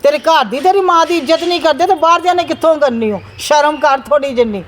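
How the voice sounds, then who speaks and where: A woman playing a sharp-tongued aunt in a family skit, lecturing and scolding with quick retorts. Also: high-pitched, close to an everyday voice. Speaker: aunt Manju scolding the son. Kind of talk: amateur family skit acting. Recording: faint background noise.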